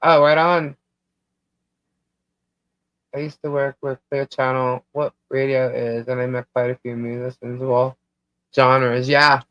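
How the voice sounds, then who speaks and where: Speaking a little slowly with long pauses, this woman has a very deep voice with little pitch movement. She's from Long Island, New York, and hosts a live stream full of chatty rambling and frequent laughter, though her bad internet keeps cutting her off. The audio is dull, dry and lo-fi without echo.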